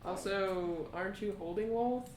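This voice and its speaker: A woman's voice: mid-range voice, measured pace, a little mellow, slight background noise. A woman player making casual, joking banter during a tabletop game. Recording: echoey room, group chatter.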